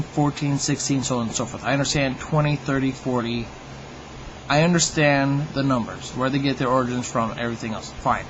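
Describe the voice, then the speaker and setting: A man's voice: mid-range voice, a bit bright, dull audio, a little hiss or hum. A man hosting his own video, delivering a humorous monologue to viewers in a wry, mock-opinionated, tongue-in-cheek way. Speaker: video host.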